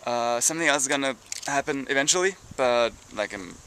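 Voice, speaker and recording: A man's voice: mid-range voice, animated, a little fast, clear, resonant tone. A young man chatting casually and informally in a rambling travel vlog. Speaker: travel vlogger. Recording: loud ambient travel noise.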